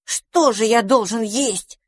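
A woman's voice: medium pitch, lively intonation, normal speed, no echo, clean studio sound, voice pushed up, natural voice. A woman voicing a small, boastful boy dragon who speaks boldly and with curiosity. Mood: curious. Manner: bold, boastful.

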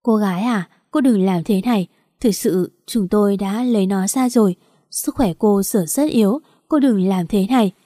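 A woman voicing a calm, gentle older male doctor in a narrated story. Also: mid-range voice, normal speed, no room sound, studio quality, natural voice. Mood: consoling.

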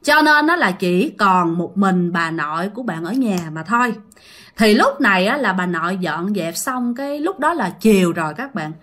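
Chatty Southern Vietnamese woman narrating a ghost story, bright, forward voice. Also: mid-range voice, lively intonation, moderate pace. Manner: chatty, addresses listeners directly.

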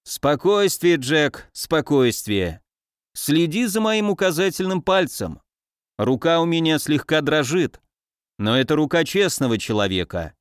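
A gruff, tipsy male night watchman who mocks everyone and bellows his songs in a hoarse voice, as a male reader puts him on. The voice rides high and lively, in a dry, close recording. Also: no room sound. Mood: sly, tipsy. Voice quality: hoarse bawling when singing.

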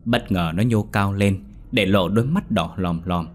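Husky-voiced man telling a ghost story. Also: sits low, unhurried. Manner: lively, expressive storytelling. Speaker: story narrator.

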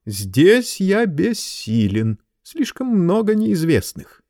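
A prim, bewildered schoolteacher, as a male narrator puts him on protests in a high, strained voice. His pitch swoops up and down, and the sound is dry and close. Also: huge pitch swings, slow pace, darkish tone, dry recording, full character voice. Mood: pedantic.

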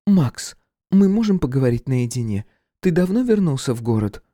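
A man reading an audiobook, voicing a sharp-tongued young woman who is the hero's ex. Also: mid-range voice, very animated, normal speed, no echo, studio quality, voice pushed up. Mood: snippy. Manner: snippy, hissing.

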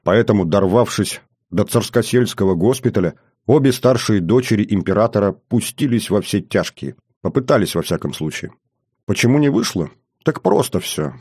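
Low mellow male audiobook narrator. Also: animated, moderate pace, husky, dry recording, clean studio sound. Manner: wry, conversational storytelling.

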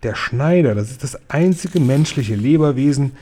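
A man's voice: mid-range voice, lively intonation, normal speed, warm tone, a little hiss or hum, close to an everyday voice. A man reading a storybook aloud, voicing a friendly old giant who whispers and murmurs warily. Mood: hushed. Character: big friendly old male giant, hushed and wary.

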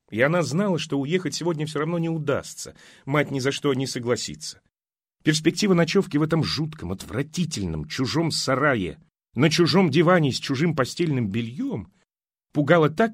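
A man narrating an audiobook in an expressive, dramatic reading. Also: a little high, husky, dry recording, clean studio sound.

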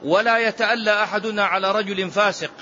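Brief: male sheikh, high bright voice, explanatory lesson delivery on a dull lo-fi recording. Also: steady tone, fast, slight background noise. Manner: explanatory, asks rhetorical "ha?" of listeners. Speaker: sheikh teaching a hadith book. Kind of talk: classical religious lesson.

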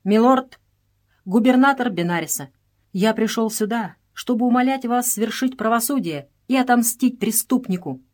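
A woman's voice: a little high, moderate pace, a little mellow, voice pushed up, close to an everyday voice. A woman reading aloud and voicing a grieving grown man who speaks solemnly in a trembling voice. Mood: grave. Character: grieving grown man, grave, steady elder brother.

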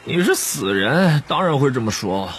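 A man's voice: medium pitch, big pitch swings, moderate pace, a little hiss or hum, pitched above the performer's own voice, close to an everyday voice. A man doing a hungry, grumbling teenage boy. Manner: grumbling, complaining.

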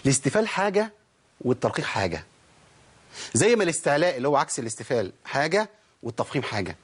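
Man, Egyptian accent, recitation teacher, quick delivery, husky tone, asks and answers his own questions. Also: mid-range voice, big pitch swings. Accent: Egyptian Arabic. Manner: explanatory, asks questions and answers them himself. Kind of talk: spoken tajweed lesson.

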